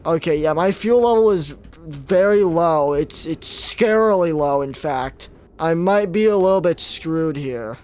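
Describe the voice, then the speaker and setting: A man's voice: on the high side, unhurried, a little mellow. A young man giving casual, joking commentary as he plays a game and talks to himself. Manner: joking, self-talk. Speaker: gaming YouTuber.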